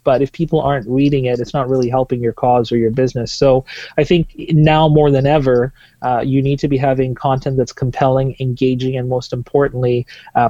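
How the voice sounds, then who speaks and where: A man's voice: mid-range voice, mellow, no echo, dull audio. A man from Tanzania, a guest on a podcast interview, talking fluently and in a businesslike way with many fillers.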